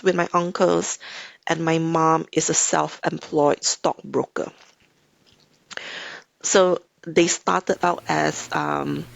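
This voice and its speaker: A woman in her thirties from Malaysia with a Malaysian accent, speaking as a podcast guest in a measured, reflective way. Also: low-pitched, gravelly, highs cut off. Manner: thoughtful, measured, frequent hedging "I think". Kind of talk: reflective interview talk.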